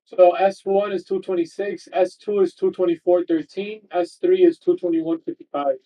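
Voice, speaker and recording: High-voiced man, tinny tin-can call sound. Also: fairly even intonation, normal speed. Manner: teasing, complaining banter. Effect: tinny tin-can sound over a remote call. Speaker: day trader on a group stream. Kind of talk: casual chat. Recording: dull, distant call audio.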